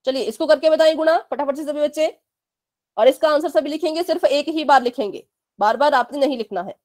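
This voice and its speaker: A woman's voice: high-pitched, fairly quick, a little mellow. A woman teaching fractions in a live online class for children, explaining patiently, repeating checks, and giving firm warnings about chat behavior.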